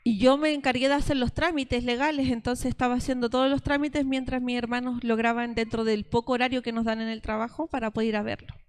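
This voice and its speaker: A woman pastor preaches a sermon to her congregation. Her voice sits high, and she tells her stories by voicing both sides of each conversation. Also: steady tone, quick pace, few pauses, clean tone.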